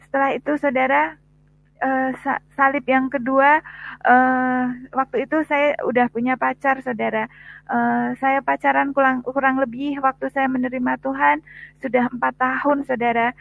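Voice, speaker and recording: A young woman giving a personal faith testimony, pausing often with "eh" and repeatedly addressing her listeners. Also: sits high, creaky, fairly bright tone, no room sound, rough recording. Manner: addresses listeners as "saudara" often, hesitant with frequent "eh". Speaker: testimony speaker.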